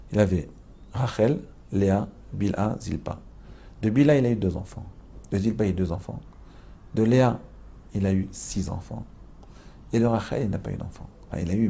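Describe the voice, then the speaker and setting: Gravelly, husky male Torah teacher. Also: lowish voice, dark tone. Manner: storytelling with rhetorical questions to the listeners; repeats and restarts phrases as he explains. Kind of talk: lively spoken Torah lesson to a class.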